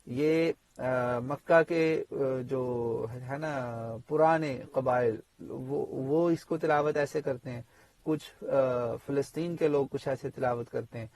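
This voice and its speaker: A man teaches tajweed in a conversational, explanatory way. His voice sits at a middling pitch, close and dry with no room sound. He wanders into asides and fills his pauses as he goes. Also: fairly even intonation, a little mellow, no room sound. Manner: explanatory, full of fillers and asides. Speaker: Quran teacher and imam. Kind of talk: spoken tajweed lesson.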